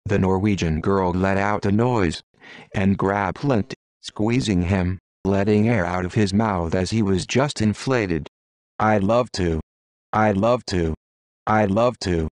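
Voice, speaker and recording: Deadpan low-voiced male narrator. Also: no room sound, clean studio sound. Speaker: audiobook narrator. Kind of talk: scripted audiobook narration.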